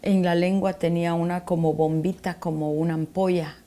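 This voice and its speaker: A woman's voice: fairly low pitch, level tone, normal speed, dark tone. A middle-aged woman giving a personal faith testimony as a guest, telling a story and acting out the dialogue.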